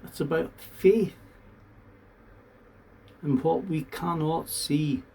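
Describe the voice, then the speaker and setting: A man from the talks to viewers in a casual, unhurried, plain-spoken and earnest monologue. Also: on the high side, fairly even intonation, warm tone. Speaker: vlogger. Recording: distant mic, faint background noise.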